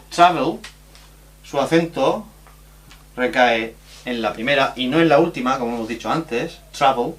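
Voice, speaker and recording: A man from teaching a recorded grammar lesson, explaining rules slowly and spelling out letters and examples. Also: mid-range voice, a bit bright.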